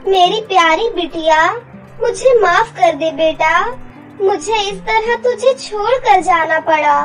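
A woman's voice: very high-pitched, takes it slowly, soft background music. A woman voicing a loving magical mother in a cartoon story, tender but stern. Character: loving ghostly mother, gentle but vengeful.

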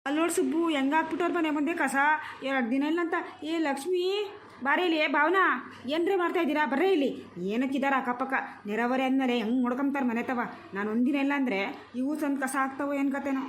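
A woman's voice: high voice, racing, slight background noise, close to an everyday voice. A woman voicing a quarrelsome homeowner in a cartoon comedy, scolding and cursing her neighbours. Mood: furious. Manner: scolding, shouting curses at neighbours.

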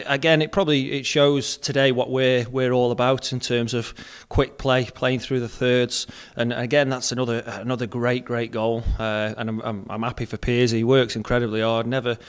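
A man's voice: mid-range voice, clean tone. A young man, a football club captain, giving a post-match interview into a handheld mic in front of a sponsor board, repeating words as he thinks. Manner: plain, measured, repeats words while thinking. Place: indoors in front of a sponsor backdrop. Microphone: handheld mic held close.

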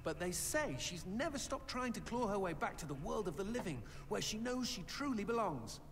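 A theatrical demon skull storyteller. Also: male voice, high voice, very animated, normal speed, noisy background. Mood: dramatic. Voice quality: theatrical, relishing. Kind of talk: video game voice acting, storybook reading. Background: game music.

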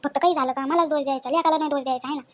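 A young woman with a high voice, playing a defensive daughter-in-law in a home drama. She argues back quickly, and faint background noise sits under her. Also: steady tone. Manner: defensive, pleading.

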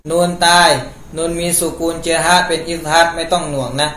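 A man with a somewhat high, bright voice teaches Quran recitation from a room at home, speaking a little fast in a steady tone. He recites a phrase and then patiently explains the pronunciation rules step by step, in an echoey room with faint noise.

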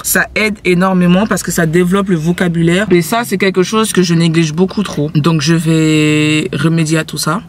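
A woman's voice: lowish voice, a little hiss or hum. A woman from French Guiana, vlogging, chatting casually in a rambling, playful way. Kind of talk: casual chat with a friend and the camera.

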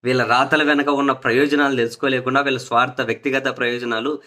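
A man's voice: medium pitch, flat delivery, fast, bright, forceful tone. A man delivering opinionated political commentary, sarcastic and indignant, hammering points home by repeating phrases.

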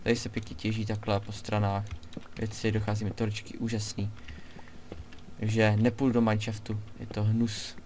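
A young man with a fairly low voice chats casually as he plays, narrating each move and talking straight to his viewers. His delivery is loose and conversational. A faint hiss sits beneath the recording. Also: completely flat delivery, darkish tone. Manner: chatty, talks to himself and viewers while playing. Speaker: let's play gamer. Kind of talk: casual gameplay commentary.

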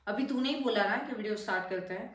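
A woman hosting a casual home vlog, talking in an animated, exasperated way. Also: mid-range voice, rapid-fire. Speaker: vlog host. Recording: roomy echo, distant from mic, faint music.

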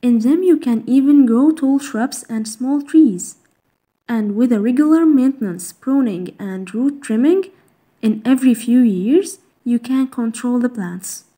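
A woman reading a scripted voice-over in a measured, even list-reading way, narrating step-by-step tips. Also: fairly high pitch. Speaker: narrator of a garden design slideshow.

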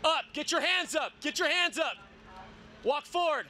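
A man working as a sheriff's deputy, shouting firm, clipped commands over a police car loudspeaker with a siren. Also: very high voice, animated, normal speed, a little hiss or hum. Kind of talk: shouting commands at a felony traffic stop.

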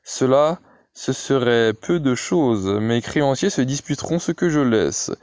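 A man's voice: medium pitch, expressive, unhurried, darkish tone, no echo, studio quality, close to an everyday voice. A man voicing a proud, ruined young viscount who speaks formally and earnestly in an audiobook reading.

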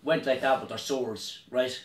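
A man telling a mock-serious tall tale in a comedy sketch, earnest and deadpan. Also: mid-range voice, moderate pace, roomy sound, recorded from a distance. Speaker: comedic tour guide playing a priest.

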